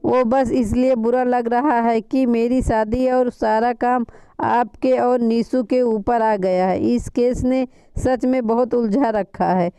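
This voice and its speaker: A woman voicing a grown son who talks calmly and fondly with his family. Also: fairly high pitch, slow, smooth, no echo. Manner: calm, fond. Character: grown son, calm, affectionate, duty-bound.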